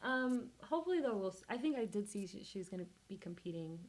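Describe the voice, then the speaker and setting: A woman's voice: medium pitch, quick pace, low-quality recording. A young woman, hosting a student podcast in casual chat and laughing often. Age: young adult. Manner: chatty, animated, laughs often.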